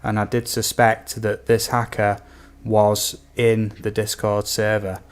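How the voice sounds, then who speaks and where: The man, a game streamer, chats casually with his audience like they're friends, in a relaxed, talkative manner. His fairly low voice has a slight croak, and he speaks slowly in a level tone.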